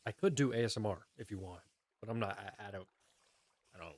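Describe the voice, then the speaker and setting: A man's voice: fairly low pitch, fairly quick, dry recording. Chatty male streamer eating on mic. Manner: chatty, eats on mic while talking to chat. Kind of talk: casual livestream chat. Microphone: close desk mic.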